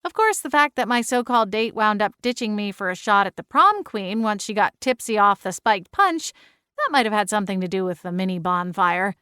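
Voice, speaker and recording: A woman's voice: mid-range voice, expressive, a little fast, bright, forceful tone, smooth, dry recording. A woman reading a scripted first-person story as an audiobook narrator on a close microphone.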